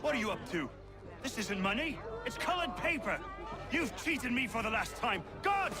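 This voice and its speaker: An actor playing a furious, cheated colonial-era man who shouts accusations in a video game. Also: very high voice, very animated, normal speed, over music.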